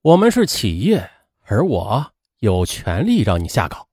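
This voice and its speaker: A man's voice: lowish voice, wildly swooping pitch, unhurried, a little mellow, husky, dry recording, clean studio sound, pitched below the performer's own voice, exaggerated voice. A man voicing a cold, impatient boss who sneers. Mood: contemptuous. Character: sneering arrogant male boss.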